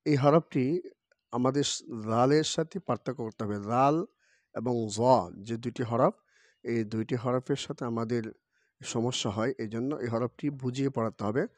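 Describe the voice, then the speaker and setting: A man teaching the Arabic alphabet as a Quran teacher, giving quick explanations and then drawing each letter's sound out slowly and loudly, again and again. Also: medium pitch, no room sound.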